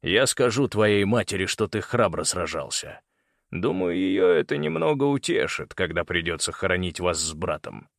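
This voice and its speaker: A man voicing a cruel middle-aged soldier lieutenant who makes cold, sneering threats in a hoarse, rasping voice. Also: low-pitched, animated, normal speed, no echo, studio quality, voice pushed down. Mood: menacing. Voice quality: hoarse rasp.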